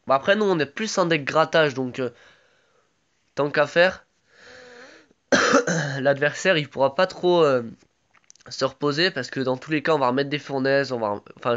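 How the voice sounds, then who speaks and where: A man's voice: medium pitch, a bit bright, clean tone, lo-fi sound. A man with a sore throat giving casual live commentary on his own game, chatty and full of gamer slang.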